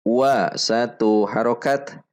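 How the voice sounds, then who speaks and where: A man teaching Quran recitation rules step by step, slowly repeating each syllable for drill. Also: steady tone. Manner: chants the Arabic verses in a higher, fuller voice. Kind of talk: slow step-by-step tajwid lesson.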